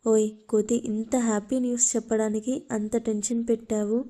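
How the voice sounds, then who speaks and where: A woman's voice: a little high, normal speed, close to an everyday voice. Teasing brother, read by a woman. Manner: flat, even reading of lines. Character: teasing young man, protective brother.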